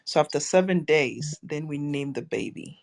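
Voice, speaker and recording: Soft-spoken woman from Ghana. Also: sits low, animated, normal speed, vocal fry. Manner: soft-spoken, thoughtful, often murmurs agreement. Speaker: guest. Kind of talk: reflective spiritual conversation.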